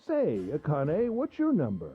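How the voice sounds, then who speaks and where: A man's voice: on the high side, wildly swooping pitch, a little slow, slightly rough, narrow, tinny audio, full character voice. An actor playing a sadistic male captor in a video game, sneering and taunting as he laughs cruelly. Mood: condescending.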